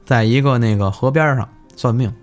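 A man telling village ghost stories in casual chat, animated and swearing in surprise. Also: medium pitch, moderate pace, faint music behind. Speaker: guest storyteller. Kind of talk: casual spooky storytelling.

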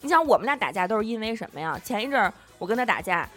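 A woman co-hosting a podcast, telling stories in casual chat, animated and laughing often as she acts out quotes. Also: mid-range voice, racing, soft background music. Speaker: podcast co-host.

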